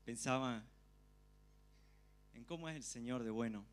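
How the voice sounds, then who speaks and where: A man with an Argentine accent preaching a church sermon, telling a personal story with lively, acted-out reactions. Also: mid-range voice, measured pace. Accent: Argentine Spanish. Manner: animated storytelling, acting out his own past reactions.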